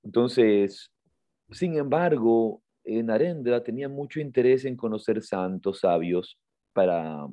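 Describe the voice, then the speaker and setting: A man co-hosting a podcast, retelling a story in a casual, halting way, often repeating words and lifting his voice when he quotes someone. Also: medium pitch, lively intonation, mellow, no room sound, lo-fi sound. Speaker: podcast co-host.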